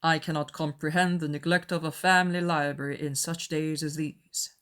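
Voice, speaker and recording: A woman voicing a proud, grave young gentleman with formal, measured speech in a period novel. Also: low-pitched, fairly even intonation. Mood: reserved, superior. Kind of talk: dramatized period novel audiobook.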